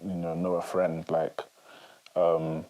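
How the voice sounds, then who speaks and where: A man's voice: low-pitched, monotone, slow pace, mellow. A man in his twenties, co-hosting a casual discussion and thinking aloud in a reflective, rambling way. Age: 20s. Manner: reflective, rambling with many fillers. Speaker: podcast co-host.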